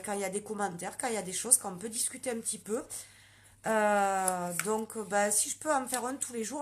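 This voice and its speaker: A woman's voice: fairly high pitch, slight background noise. A woman with a southwestern French accent, chatting casually on a makeup live stream and answering viewer comments. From Lot, southwestern France.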